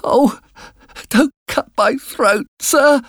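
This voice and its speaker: Terrified small boy, high pleading voice, voiced by a male reader; dry close sound. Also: lively intonation, takes it slowly, dry recording. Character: terrified young boy in a graveyard.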